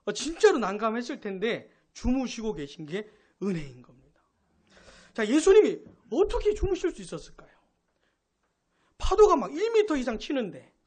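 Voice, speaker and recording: A pastor preaching a Sunday sermon, asking the congregation questions and acting out quoted speech. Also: mid-range voice. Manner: animated, asks the congregation questions.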